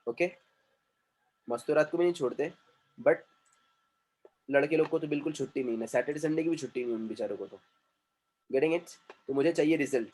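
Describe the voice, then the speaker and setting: A man's voice: a little high, fairly quick, pauses often, darkish tone. A man teaching an online English class, mixing Hindi and English, stern and repetitive.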